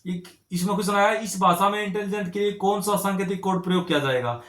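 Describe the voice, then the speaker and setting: A man's voice: high voice, quick pace, fairly bright tone, reverberant. A male teacher explaining exam reasoning problems, often checking in with his students and calling them brother and friends. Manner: repetitive, keeps checking with "ठीक है ना". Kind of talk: reasoning lesson at a whiteboard.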